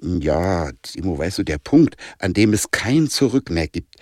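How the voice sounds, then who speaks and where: A man's voice: low voice, big pitch swings, measured pace, darkish tone, no echo, studio quality, voice pushed down. A man voicing an eager, daring boy leader who explains science facts in a children's story. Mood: explaining.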